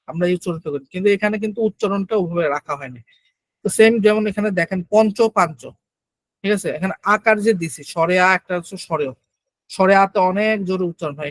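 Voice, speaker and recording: A man's voice: sits high, no echo, rough recording. A young man giving an exam-prep lecture, explaining step by step and often checking that listeners follow. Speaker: teacher.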